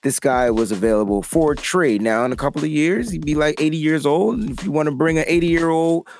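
A man hosting a casual sports talk show, excitable and given to repeating himself. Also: on the high side, brisk, gravelly, slight background noise. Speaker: podcast host.

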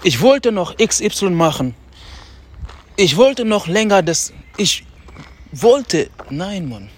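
Loud, slangy man outdoors. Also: high voice, big pitch swings, slow, slightly rough. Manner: loose and self-talking, slangy asides; speaks loudly on purpose. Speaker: podcast host. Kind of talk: casual motivational monologue. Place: outdoors on a city street.

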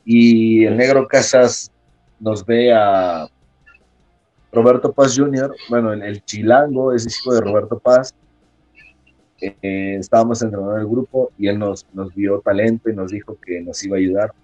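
A man with a Mexican accent, a wrestler guest casually telling an anecdote, animated and often laughing as he acts out the people in it. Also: on the low side, unhurried, lo-fi sound, soft background music. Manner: lively storyteller who acts out quoted people in a raised voice and laughs often.

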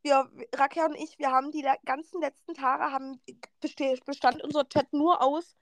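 A young woman in casual chat, telling a story with animated energy and acting out the quoted dialogue. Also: high voice, normal speed, no room sound. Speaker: best friend and co-host.

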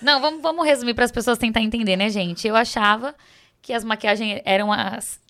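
Brazilian woman makeup artist talking super fast, highish voice, chatty guest on a podcast. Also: a bit bright. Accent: Brazilian Portuguese. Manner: rapid, chatty storytelling. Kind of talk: casual chat.

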